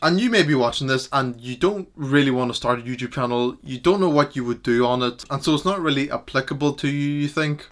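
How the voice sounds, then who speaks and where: Young man, mid-pitched, steady earnest to-camera vlogger. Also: fairly quick, few pauses. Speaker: self-improvement YouTuber. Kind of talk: reflective talking-head vlog.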